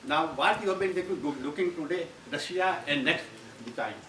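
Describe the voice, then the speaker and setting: A man's voice: a little high, normal speed, sharp tone. Rambling man lecturing in a hall. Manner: rambling, repeats and restarts phrases. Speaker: guest lecturer. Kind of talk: university lecture. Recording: roomy, distant mic, audible background noise.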